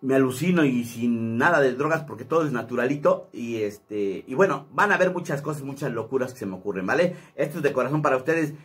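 Comedian, rambling casual vlogger, bright forceful voice. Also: male voice, mid-range voice, lively intonation, fast talker, few pauses. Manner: chatty, rambling, many fillers. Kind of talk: casual vlog talk.

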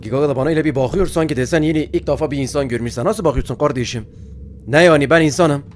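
Brief: male let's-player, a bit high-pitched, excitable and easily startled, chatting to viewers. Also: rapid-fire, a little hiss or hum. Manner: excitable, talks to viewers, jumpy reactions. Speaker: gaming YouTuber. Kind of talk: let's-play commentary.

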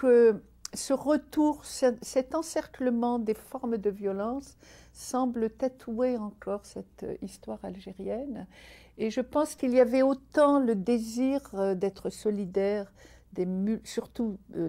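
An Algerian writer whose first language is Arabic reflects aloud in an indoor interview, seated in a room by a window with an unseen microphone. Her voice is soft, dark-toned and a little high. Thoughtful and measured, she chooses each phrase slowly, pausing often and restarting as she goes.

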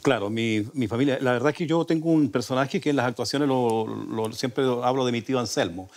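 Older chilean guy talking slow, rambly stories, lots of eh and restarts, radio interview. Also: medium pitch, a little mellow. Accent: Chilean Spanish. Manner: rambling, with many restarts and fillers. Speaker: folk singer, interview guest. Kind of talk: relaxed storytelling interview. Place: radio studio.

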